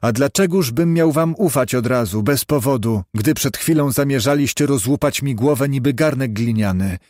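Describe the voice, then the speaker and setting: A man's voice: mid-range voice, normal speed, a little mellow, no room sound, close to an everyday voice. Dude reading a tough exile guy, short commanding lines, audiobook, dry. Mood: stern. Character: stern, strong male exile in the taiga. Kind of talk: audiobook character voice.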